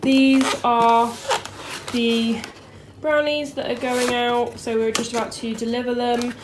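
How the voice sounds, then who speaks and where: A woman's voice: on the high side, level tone, slow pace, background noise. A young woman giving a casual, chatty vlog walkthrough of her home kitchen on a handheld camera, with lots of ums. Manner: chatty, filler-heavy, showing things as she goes. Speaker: home baker and vlogger.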